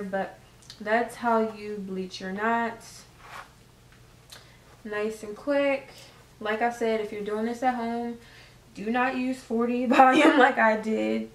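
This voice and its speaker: A woman's voice: medium pitch, a little hiss or hum. A woman casually talking viewers through a hair tutorial at home, chatty and loose with slang and fillers. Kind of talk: casual how-to vlog. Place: room at home. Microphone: camera set up at a distance. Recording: roomy, camera mic from a distance.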